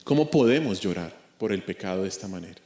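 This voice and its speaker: A man's voice: low-pitched, lively intonation, fast, darkish tone, echoey room. A man preaching an expository sermon as a pastor, earnest, asking rhetorical questions and repeating his points. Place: church.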